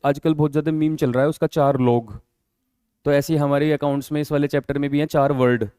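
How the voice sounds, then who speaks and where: With a fairly high, mellow, clear and resonant voice, the man teaches accounting at a fairly quick pace and a steady tone. He explains patiently, repeats key terms, and often checks that students have followed. The sound is close and dry, with no room echo.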